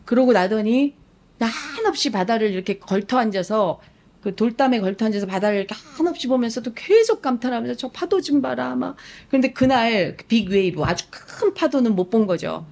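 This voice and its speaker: A woman's voice: on the high side, a little mellow. A woman who works as a psychological coach, telling a story on a live stream and acting out the lines people said in a TV scene. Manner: retells a TV scene vividly, acting out quoted lines; emotionally engaged, admits crying at the scene.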